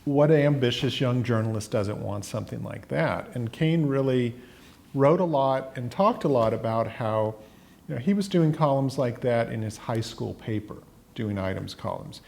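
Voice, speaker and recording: Seated in an indoor room with a staircase, an American man in his sixties tells stories conversationally for a documentary interview, with music in the background. His medium-pitched voice is animated, creaky and a little mellow, moving at normal speed.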